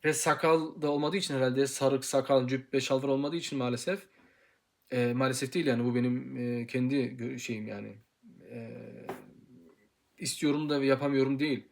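Young male teacher in his twenties, mid-pitched, earnest, hesitant, repeats syllables to drill them. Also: fairly even intonation, vocal fry. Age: 20s. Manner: hesitant with many pauses and fillers. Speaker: Quran recitation teacher. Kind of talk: informal video lesson.

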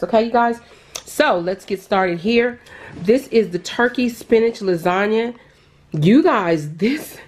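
A middle-aged woman vlogging casually, chatting excitedly to her viewers about her groceries. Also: on the low side. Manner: chatty, excited, addresses viewers as "you guys". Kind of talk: casual shopping vlog and haul. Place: store aisles, then at home.

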